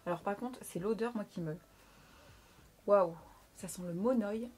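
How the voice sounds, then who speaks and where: A woman's voice: medium pitch, measured pace, darkish tone, breathy edge. Chatty young woman reviewing makeup. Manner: chatty, frank, with playful asides. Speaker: beauty vlogger.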